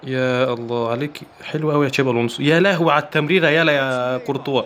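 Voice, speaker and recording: A man with an Egyptian Arabic accent giving excitable commentary while playing a football video game, chanting player names in quick bursts. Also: medium pitch, a little hiss or hum. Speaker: gaming YouTuber. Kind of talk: live gameplay commentary.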